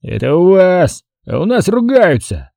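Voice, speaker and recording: A man playing a drunk brawling army officer, loud and cocky. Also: sits high, big pitch swings, unhurried, vocal fry, dry recording, clean studio sound, pitched above the performer's own voice, exaggerated voice. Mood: taunting. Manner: boisterous drunken bluster.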